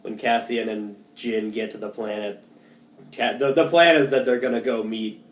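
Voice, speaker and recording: Casual podcast co-host, male, lowish voice, chatty with filler words, recorded in a roomy space with faint hiss. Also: steady tone, moderate pace. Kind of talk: casual film discussion.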